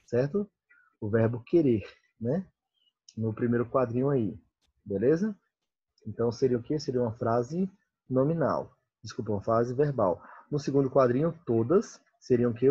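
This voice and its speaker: A man's voice: medium pitch, dark tone, slightly rough, no echo, muffled recording. A male teacher with a Brazilian Portuguese accent, giving a grammar lesson and checking in with his students all the time. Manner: checks in constantly, reads comic lines aloud.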